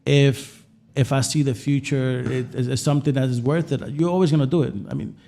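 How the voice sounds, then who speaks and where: A guest chef from Puerto Rico chats casually on a podcast, his medium-pitched voice gravelly yet warm and steady, moving a little fast. He recounts personal stories informally and tends to repeat his phrases.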